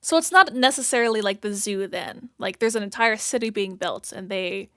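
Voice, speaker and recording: A woman's voice: medium pitch, normal speed, a bit bright, faint music behind. Rambling woman thinking aloud. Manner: rambling, full of "like" and "if that makes sense"; thinks aloud, searching for words. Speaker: reaction video host. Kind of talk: casual reaction commentary.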